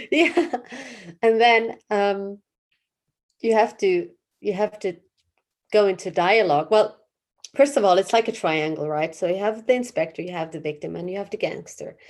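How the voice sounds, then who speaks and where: A woman's voice: medium pitch, moderate pace, a little mellow. A woman therapist being interviewed, talking casually with many fillers and restarts and vivid images. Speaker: therapist guest.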